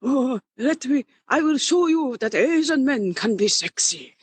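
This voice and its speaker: A woman voicing a wise, wispy-haired old male kung fu master from a badly dubbed film, speaking slowly and drawn out. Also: high voice, lively intonation, husky, no echo, pitched above the performer's own voice, full character voice. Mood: seductive. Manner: slow, drawn-out delivery, as if dubbed late.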